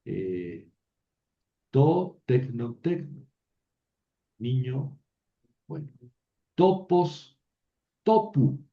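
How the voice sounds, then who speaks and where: A man's voice: mid-range voice, very animated, drawn-out words, pauses often, lo-fi sound. A man teaching a biblical Greek class, reciting word forms aloud one at a time and explaining them to his students. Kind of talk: classroom lecture.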